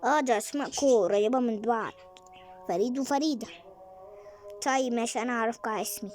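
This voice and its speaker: A woman's voice: fairly high pitch, darkish tone, faint music behind, close to an everyday voice. A woman voicing a chatty, motherly Egyptian neighbor in a game role-play skit, speaking with an Egyptian Arabic accent. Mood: fussy. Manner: fast, fussy and motherly chatter.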